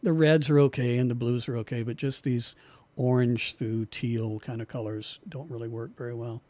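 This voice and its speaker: A man teaching an online music production class in a relaxed way, often repeating himself as he explains, and losing his voice. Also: mid-range voice, normal speed.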